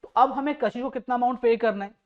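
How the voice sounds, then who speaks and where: A man's voice: extremely high pitch, fast, phone-quality sound. A male teacher giving a classroom lecture, affectionate with his students, repeating points and quizzing the class. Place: coaching classroom.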